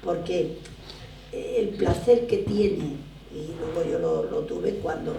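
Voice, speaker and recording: An older woman from Barcelona, Spain, a theatre producer, speaks slowly in a lowish, gravelly voice. She tells stories in an animated, emphatic way during a conversational interview in a drama school lecture room. The room echoes, her voice sounds distant, and there's faint noise.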